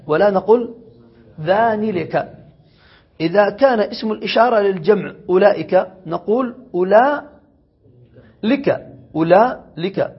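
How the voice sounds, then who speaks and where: High, husky male grammar teacher. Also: muffled recording. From Yemen. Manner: questions the students, drawn-out words. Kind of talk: classroom grammar lesson.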